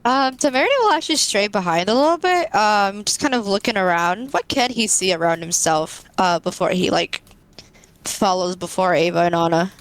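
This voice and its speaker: Casual mid-pitched female player. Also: moderate pace, no room sound. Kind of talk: tabletop role-play chat.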